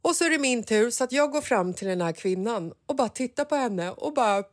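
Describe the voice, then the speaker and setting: A woman in her forties, a podcast host, telling a personal story in a casual, emotional, animated way. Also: a little high, no room sound, studio quality. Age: 40s.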